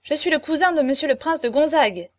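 A woman's voice: sits high, expressive, fast. A woman doing a haughty young nobleman. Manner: boastful and cocky.

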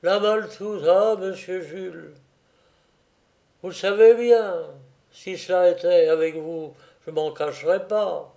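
A man's voice: high-pitched, unhurried, dark tone. A man voicing a frightened petty criminal who turns eager and pleading once reassured. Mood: relieved.

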